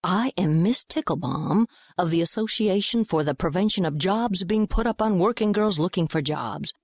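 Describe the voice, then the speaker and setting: A woman's voice: fairly low pitch, expressive, a little mellow, slightly rough, no room sound, clean studio sound, pitched above the performer's own voice. Miss Ticklebaum, woman doing a prim busybody. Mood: officious. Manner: brisk, lecturing and officious. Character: prim, officious young woman, self-important.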